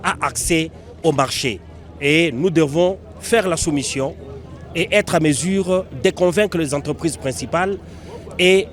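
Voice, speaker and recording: A man, an attendee speaking haltingly in an outdoor interview. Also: fairly high pitch. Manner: halting, searching for words. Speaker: conference attendee.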